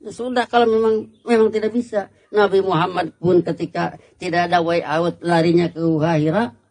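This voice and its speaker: A man preaching in a patient teaching manner, asking rhetorical questions and answering them himself. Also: sits high. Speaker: Islamic preacher. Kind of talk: Indonesian religious lecture.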